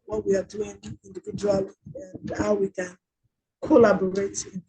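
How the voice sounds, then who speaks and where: A woman on a video call whose audio keeps breaking up from a bad internet connection, giving halting, apologetic closing remarks as a conference panelist. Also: extremely high pitch, very animated, creaky, mellow, poor audio. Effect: choppy, breaking-up internet audio.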